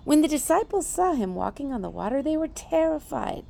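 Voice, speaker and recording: A woman giving a devotional Bible teaching, animated, asking rhetorical questions and laughing lightly as she reads the story. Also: high voice, brisk, vocal fry.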